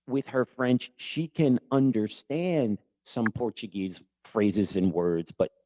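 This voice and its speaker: An American podcast host and former teacher runs a casual interview show, talking in an enthusiastic, rambling, self-deprecating way. His voice is lowish, slow and mellow, with a little hiss or hum.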